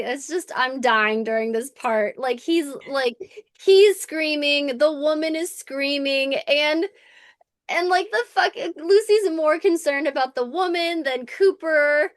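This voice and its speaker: A woman in a lively, casual recap chat, lurching from giggly outrage to thoughtful musing. Her voice sits a little high and comes across dry and close, with no room sound around it. She swears freely and bursts into little re-enactments of the characters. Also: slow, no room sound. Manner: animated, swearing, acts out scenes. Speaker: podcast co-host.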